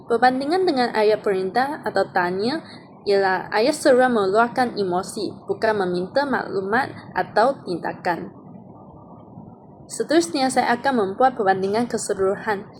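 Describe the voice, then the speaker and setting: A woman, reading a grammar explanation aloud in a steady, methodical way. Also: fairly high pitch, moderate pace, a little hiss or hum. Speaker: student presenting an assignment.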